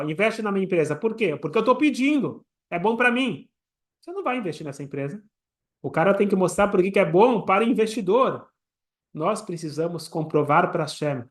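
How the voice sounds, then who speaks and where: A man, a rabbi, giving a teaching sermon with everyday examples and soft asides. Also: high voice.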